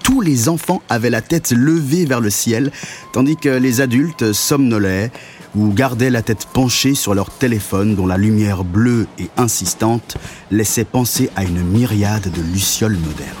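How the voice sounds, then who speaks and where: A man narrating a children's story, expressive and swelling at the exciting moments. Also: fairly low pitch, unhurried, slight background noise.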